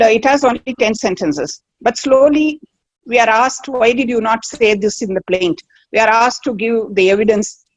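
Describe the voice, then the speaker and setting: Indian English woman, advocate, earnest webinar remarks, high-ish pitch, no room echo. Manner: earnest, advisory, frequent pauses. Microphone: video call.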